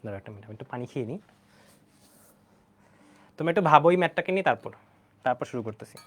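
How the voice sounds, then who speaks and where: A man's voice: medium pitch, animated, racing. A young man teaching math in an online lecture, chatty and asking his students questions as he goes. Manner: chatty, talks straight to students, asks them questions. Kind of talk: online exam-prep lecture.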